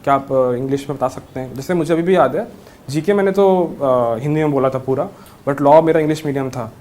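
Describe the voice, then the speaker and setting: A young man, newly selected as a civil judge, appears as an interview guest offering friendly, reassuring interview advice in Hindi sprinkled with English words. His medium-pitched voice is a little fast and a little mellow, with slight hiss or hum.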